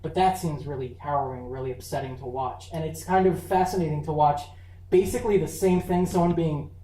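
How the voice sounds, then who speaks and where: A convention panel presenter giving a casual, chatty talk on film, full of fillers and quick laughs. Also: medium pitch, dark tone. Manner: enthusiastic, chatty, laughs often, many fillers. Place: university convention room. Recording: echoey room, far mic, faint hum.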